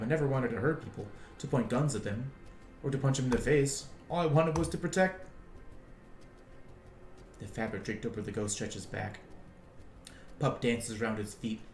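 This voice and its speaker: A man reads a game's narration aloud for his stream, animated and chuckling as he goes. His voice sits at an ordinary middle pitch in a roomy, echoey space with faint ambience. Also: a little hiss or hum. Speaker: streamer reading a game aloud. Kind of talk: reading game narration aloud.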